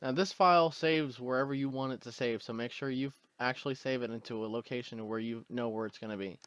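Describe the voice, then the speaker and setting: A man with hiccups talks a viewer through a gaming tutorial, one step at a time, with an easy, unhurried manner and casual fillers. His voice is smooth and clear, and the recording is dry and close. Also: medium pitch, no room sound. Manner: relaxed step-by-step instructions with fillers. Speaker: tutorial host.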